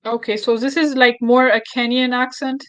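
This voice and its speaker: A woman's voice: on the high side, level tone, moderate pace, fairly bright tone, clear, resonant tone, no room sound. A woman hosting a casual screen tutorial, thinking aloud with fillers and self-corrections. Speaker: tutorial host.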